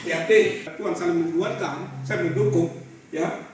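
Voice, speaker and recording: High-voiced man preaching in an echoey hall. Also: normal speed, distant mic, a crowd in the background. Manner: animated, rising to shouted calls to the congregation. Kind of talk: lively church sermon with illustrations. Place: large church hall with a congregation. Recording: echoey church hall, mic from afar.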